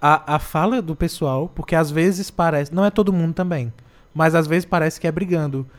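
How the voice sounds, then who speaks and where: A man's voice: a little high, moderate pace. Joking man from co-hosting a podcast. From Morada Nova, Ceará, Brazil. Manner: joking, laughs a lot, stresses points. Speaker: podcast co-host. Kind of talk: casual podcast chat.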